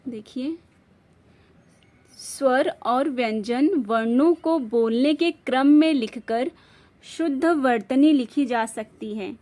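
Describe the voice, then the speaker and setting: A woman's voice: sits high, slow pace, a little mellow. A woman teaching a grammar lesson, spelling out words letter by letter and asking questions she then answers herself. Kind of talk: classroom-style grammar lesson.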